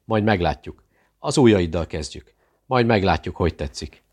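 A man's voice: low voice, lively intonation, darkish tone, breathy edge. A man voicing a menacing interrogator who hisses threats at a captive in an audiobook. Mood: threatening.

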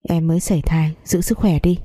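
A woman voicing a guilt-ridden young man who speaks softly and slowly to calm his lover. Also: sits low. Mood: remorseful.

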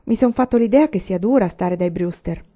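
A woman's voice: medium pitch, normal speed, mellow, natural voice. A woman voicing a polite, courteous young man, in a storybook reading.

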